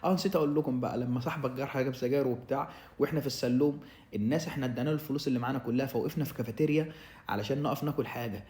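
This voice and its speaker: A young Egyptian man with an Egyptian Arabic accent casually telling his own story to the camera, lively and addressing the listener directly. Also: medium pitch, very fast, reverberant. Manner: animated storyteller, acts out quotes, addresses listener as "ya m'allem".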